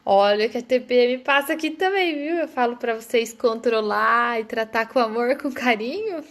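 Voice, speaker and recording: A woman's voice: on the high side, normal speed. Chatty woman greeting stream viewers. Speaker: live stream host, therapist. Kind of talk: casual live stream chat.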